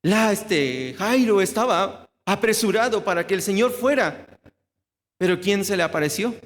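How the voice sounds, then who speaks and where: A man's voice: sits high, expressive, normal speed. A man with a Mexican Spanish accent preaching a sermon, asking the congregation questions and answering them himself. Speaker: pastor. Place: church hall. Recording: long hall reverb.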